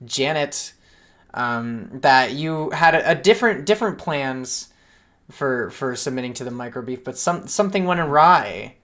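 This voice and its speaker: Excitable woman hosting a livestream. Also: very deep voice, a little slow. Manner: excited, laughing, profane. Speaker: livestream festival host. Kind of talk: casual livestream chat.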